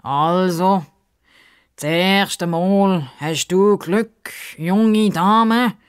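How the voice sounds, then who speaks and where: In a children's story, a woman with a Swiss German accent gives a clean-toned, lower-pitched voice to a dreamy, self-important male crocodile, delivering his lines pompously and deliberately.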